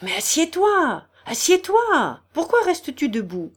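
A woman reading an audiobook, voicing a domineering older noblewoman who scolds in shrill outbursts. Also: lively intonation, moderate pace, a little mellow, lightly acted. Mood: alarmed scolding. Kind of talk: audiobook character voice.

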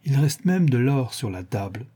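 A man's voice: medium pitch, big pitch swings, normal speed, warm tone, breathy edge. A man doing a scoffing police chief. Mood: mocking. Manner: teasing, scoffing. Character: mocking male police chief, sardonic.

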